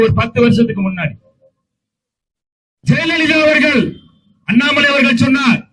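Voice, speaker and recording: A man's voice: very high-pitched, fairly bright tone, low-quality recording. A man with a Tamil Nadu accent giving thunderous political oratory at a rally, declaiming and posing rhetorical questions. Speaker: political party speaker at a protest.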